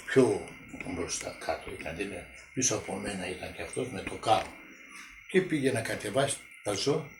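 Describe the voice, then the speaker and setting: Elderly village man, echoey room. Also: on the low side. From Greece. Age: 90s. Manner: halting, repetitive storytelling. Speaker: witness interviewee. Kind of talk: oral history interview. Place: village home indoors. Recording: echoey room with faint noise.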